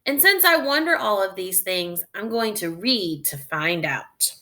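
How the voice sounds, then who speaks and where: A woman with a medium-pitched, animated voice reads a children's story aloud in a teacherly way. She thinks out loud and guides young listeners deliberately, as if giving a lesson.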